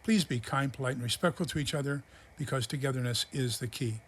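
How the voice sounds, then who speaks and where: A man's voice: mid-range voice, fast, a bit bright. A man explains things informally and practically, like a presenter of tips, feeling his way through technical terms. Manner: instructional, practical. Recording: clearly noisy background ambience.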